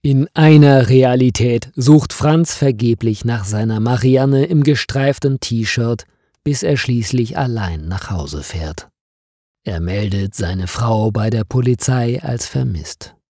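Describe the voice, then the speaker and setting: A man narrating a mystery story slowly and clearly, with lively intonation, for learners. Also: medium pitch, no echo, clean studio sound. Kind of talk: slow scripted story narration for language learners.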